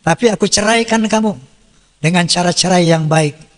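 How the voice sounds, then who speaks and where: A man's voice: sits high, moderate pace, in a large hall. A man preaching a sermon, quoting verses and translating them, and asking his listeners rhetorical questions. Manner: quotes and translates scripture, asks audience rhetorical questions.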